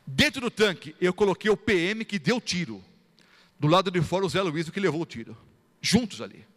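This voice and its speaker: Lively pastor in a reverberant hall. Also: male voice, high-pitched, a little fast. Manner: animated storytelling, acts out quoted voices. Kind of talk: sermon with testimony.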